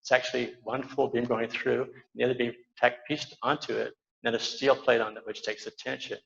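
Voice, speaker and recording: Older male architect, lecturing over slides, gravelly voice, rambling delivery, muffled lo-fi recording. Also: mid-range voice, level tone, fairly quick, a bit bright. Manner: rambling, frequent fillers and restarts. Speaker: architect giving a slide talk. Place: lecture hall at an awards event.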